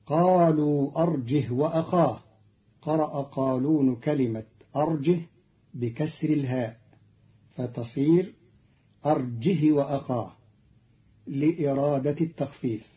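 A man teaching the variant Quranic readings, explaining each one in a measured way and chanting the quoted verses slowly. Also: a little high, muffled recording. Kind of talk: scripted lesson on Quranic readings.

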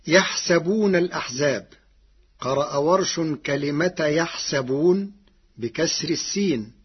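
A man teaching the variant readings of Quranic recitation in a slow, deliberate, measured lecture. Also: a little high, husky, dull audio. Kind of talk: scripted explanatory lecture.

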